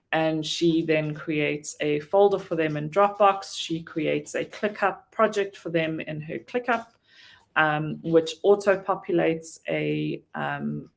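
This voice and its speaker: Low creaky South African woman. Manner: casual, lots of ums, self-correcting. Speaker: virtual assistant trainer. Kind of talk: online training talk.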